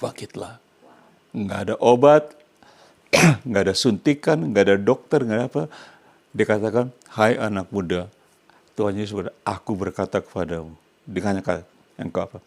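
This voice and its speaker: This older Indonesian man, a pastor with an Indonesian accent, preaches to a congregation in a low-side voice at a moderate pace, pausing often. His emphatic sermon regularly prompts listeners with questions to complete his phrases.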